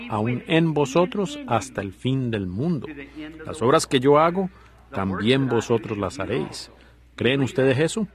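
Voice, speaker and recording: A man giving the Spanish dubbed voice of a preacher, delivering an earnest sermon with many rhetorical asides and direct questions to the congregation. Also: mid-range voice.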